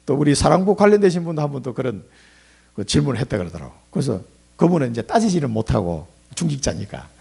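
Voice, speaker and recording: A man's voice: mid-range voice, very animated, fast talker, creaky, a little mellow, husky. A middle-aged male pastor giving a conversational sermon, telling stories with chuckling asides.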